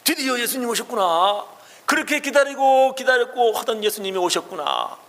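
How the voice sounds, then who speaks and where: Male preacher acting a blind beggar man calling out urgently, raised high voice, booming hall echo. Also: expressive, moderate pace, full character voice. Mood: overjoyed. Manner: loud, urgent crying out.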